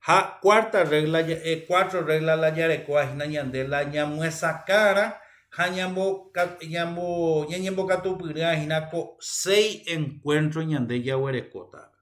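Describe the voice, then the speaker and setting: Male lecturer, Paraguayan accent, slightly high voice, unhurried and methodical, leans on "eh" fillers. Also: a bit bright. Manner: methodical, repeats key terms, frequent "eh" fillers. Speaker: university language teacher. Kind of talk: recorded lecture.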